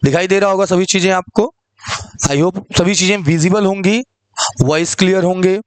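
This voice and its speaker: A man's voice: high-pitched, moderate pace, smooth, no echo. A male teacher giving an online exam-prep lecture, posing questions to the class and answering them himself, with frequent check-ins. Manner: repeats "ठीक है" often.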